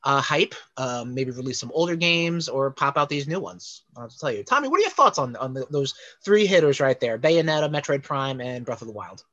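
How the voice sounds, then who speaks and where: A man's voice: medium pitch, lively intonation, a little fast, hardly any pauses, fairly bright tone. Guy co-hosting a chatty podcast, teasing and rambling, kinda dull lo-fi sound. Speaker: podcast co-host. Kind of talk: casual chat about games and comics.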